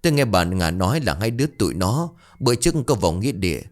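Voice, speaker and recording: A man's voice: fairly low pitch, big pitch swings, fast talker. A man voicing an anxious middle-aged village mother, pleading and tearful. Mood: worried.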